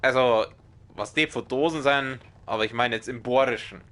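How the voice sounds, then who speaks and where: Commentating his game stream live, a young Bavarian-accented let's play streamer speaks in a mid-range voice so loud and strong it can sound like yelling during normal speech. He gets excited easily and swears at the game readily.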